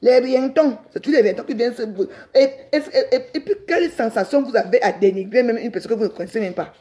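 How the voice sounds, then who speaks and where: A woman's voice: fairly high pitch, fast, warm tone. A middle-aged woman, ranting defiantly on a live stream and rambling with repeated words. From Cameroon. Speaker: social media livestreamer.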